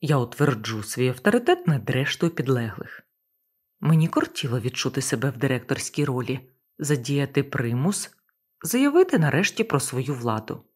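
Husky, expressive woman audiobook narrator. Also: very deep voice, normal speed. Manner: expressive first-person narration. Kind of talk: audiobook reading.

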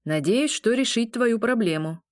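A woman's voice: on the high side, expressive, normal speed, no room sound, studio quality, voice pushed up, lightly acted. A woman voicing a stern, tight-lipped older man who is the pack's Alpha and speaks in clipped replies. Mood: curt. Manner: curt, clipped.

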